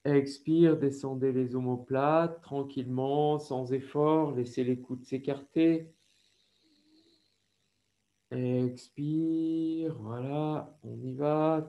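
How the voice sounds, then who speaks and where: A French-accented man guides a yoga class over a video call. His voice is mellow and a little high for a man. He talks slowly and calmly, cueing each breath. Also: highs cut off. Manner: slow, calm instructions with breath cues. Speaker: yoga teacher.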